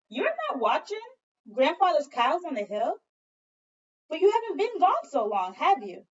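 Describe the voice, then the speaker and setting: Slow and sing-song, a high-voiced second grade teacher reads a story to young children, leaving long pauses. She speaks to them directly and expressively, asking questions and repeating things in the read-aloud lesson. The sound quality is lo-fi.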